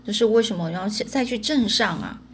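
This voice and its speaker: A woman's voice: mid-range voice, expressive, normal speed, a little hiss or hum, natural voice. Young boy, eager and questioning, storybook role, read by a woman. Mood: curious.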